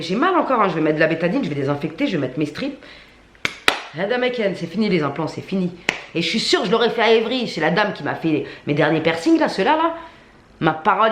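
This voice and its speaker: Woman vlogger ranting, slangy and swearing, voice all over the place, echoey room. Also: lowish voice. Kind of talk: storytime rant to camera.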